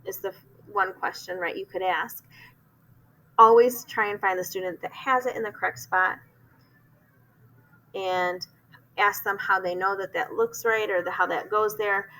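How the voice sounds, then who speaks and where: A woman's voice: mid-range voice, steady tone, a little slow, long pauses, pushed and bright, low-quality recording. A woman teacher explaining a classroom phonics activity step by step, with frequent ums and restarts. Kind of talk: instructional explanation.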